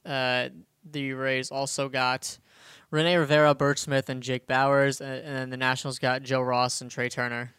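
A man's voice: medium pitch, level tone, a bit bright, clear, resonant tone, no room sound, studio quality. A man co-hosting a casual sports podcast, talking eagerly and reading statistics aloud. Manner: quick, enthusiastic, reads stats aloud. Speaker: podcast co-host.

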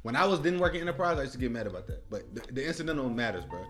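A man's voice: mid-range voice, big pitch swings, very fast. A man co-hosting a casual podcast, telling a story with profanity, acting out quotes in voices and saying "bro" a lot. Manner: says "bro" often. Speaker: podcast co-host. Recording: music playing loud behind the talk.

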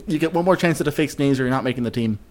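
A man's voice: medium pitch, very fast, a little mellow. A man co-hosting a podcast in casual chat, teasing his partner with dry, mock-serious remarks. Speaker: podcast co-host.

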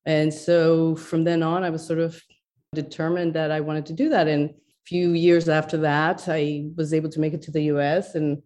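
A woman's voice: sits low, level tone, moderate pace, darkish tone. A middle-aged woman from Ecuador, a neuroscientist, speaking thoughtfully in an interview with many fillers and restarts. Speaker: neuroscientist guest.

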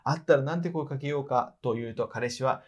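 A man's voice: mid-range voice, a little fast. A man co-hosts a casual podcast. He reads a listener's letter in an easy, playful voice and breaks off to tease and laugh. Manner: teasing, playful, laughs readily. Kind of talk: casual chat, reading a letter aloud.

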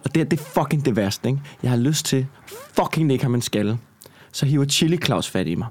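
A man's voice: mid-range voice, lively intonation. A man, a stand-up comedian with a Copenhagen Danish accent, telling a story in casual chat, rambling and swearing as he gets heated.

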